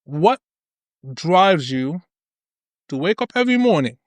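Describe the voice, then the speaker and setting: A man hosting a roundtable podcast. His voice sits a little high for a man, and the sound is close and dry. He talks emphatically and keeps checking in with his guests. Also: sing-song, measured pace, no room sound. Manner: emphatic, lots of "right?" and "okay?" check-ins. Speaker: podcast host. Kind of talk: roundtable discussion.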